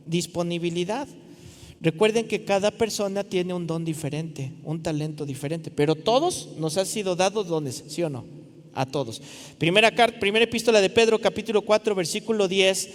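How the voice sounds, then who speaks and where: Male preacher, fairly high voice, chatty sermon delivery, long church-hall reverb. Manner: conversational, asks the audience questions, acts out quoted voices.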